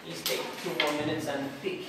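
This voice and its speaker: A man's voice: a little high, fairly even intonation, fairly quick, creaky. A middle-aged man leading a group workshop in an informal, joking way. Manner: informal, joking, loose phrasing. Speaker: workshop trainer. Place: large echoey hall with a group. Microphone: far camera mic. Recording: echoey hall from far off, noisy.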